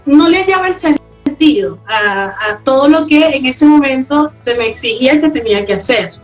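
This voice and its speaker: Venezuelan woman guest, reflective and high-pitched, muffled lo-fi audio. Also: animated, moderate pace, soft background music. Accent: Venezuelan Spanish. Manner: reflective, often adds tag questions. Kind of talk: casual interview chat.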